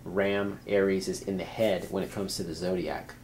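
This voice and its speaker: A man with a somewhat low voice talks casually to his viewers, pausing often and restarting his sentences. A faint hiss of noise sits under the recording. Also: flat delivery, creaky, darkish tone. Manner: hesitant, many fillers and restarts. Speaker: video creator explaining symbols. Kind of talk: casual explanatory monologue.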